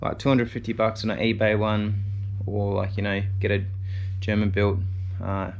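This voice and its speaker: Low, gravelly Kiwi man chatting casually. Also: monotone, moderate pace, lo-fi sound. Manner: laid-back, colloquial, slangy. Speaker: vlogger presenting a DIY video. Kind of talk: casual vlog chat.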